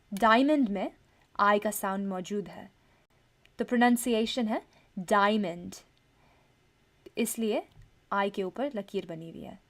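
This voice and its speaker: A woman teaching English vowel sounds, slowly repeating each sound and example word. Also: mid-range voice. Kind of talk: pronunciation lesson.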